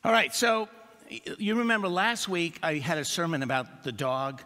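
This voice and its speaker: Animated older pastor in a reverberant church. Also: male voice, a little high, normal speed. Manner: joking, animated storytelling. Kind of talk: sermon. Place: church sanctuary.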